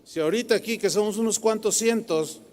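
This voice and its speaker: A middle-aged man with a Mexican accent, preaching a sermon to a congregation, animated and confrontational, often asking the crowd questions. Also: sits high, brisk. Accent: Mexican Spanish. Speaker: pastor. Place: large hall with a live congregation. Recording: long hall reverb.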